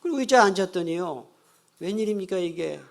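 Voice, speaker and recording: A man's voice: sits high, lively intonation, fairly quick, creaky. Man preaching a joking family sermon. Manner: humorous storytelling, asking the congregation questions. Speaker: pastor. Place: church sanctuary.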